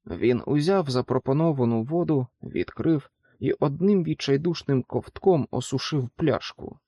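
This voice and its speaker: A man narrating an adventure story in a steady, measured storytelling voice. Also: mid-range voice, no echo, lo-fi sound. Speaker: audiobook narrator. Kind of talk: scripted narration.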